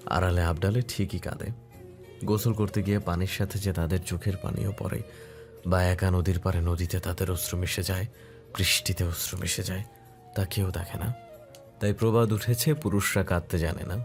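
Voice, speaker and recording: A man's voice: sits low, fairly even intonation, moderate pace, darkish tone, soft background music. A man voicing a young doctor husband in a romantic audio story, speaking tenderly. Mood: brooding. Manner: tender, then anguished and tearful.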